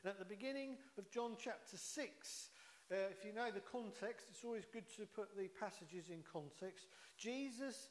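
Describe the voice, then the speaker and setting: Yorkshire preacher in an echoey hall. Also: male voice, high voice, moderate pace. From Yorkshire, England. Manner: chatty, folksy, with jokes and frequent "uh". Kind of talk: sermon.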